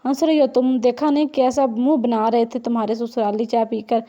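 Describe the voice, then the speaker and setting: A woman voicing Faria, a prickly, quick-tempered young woman in an audiobook reading. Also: on the high side, flat delivery, warm tone, dull audio, natural voice. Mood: irritated. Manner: snappy, scolding.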